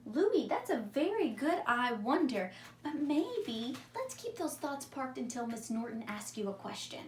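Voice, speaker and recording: With big pitch swings and a warm tone, a higher-voiced woman teacher reads aloud unhurriedly to young children. She uses simple words and asks them questions, while the distant mic catches an echoey room and faint noise.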